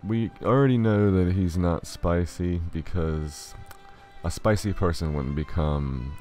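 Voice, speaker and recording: Deep-voiced man doing game commentary. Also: measured pace, a little mellow, soft background music. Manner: reads game dialogue aloud in playful voices; dry, sarcastic asides. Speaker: let's play host.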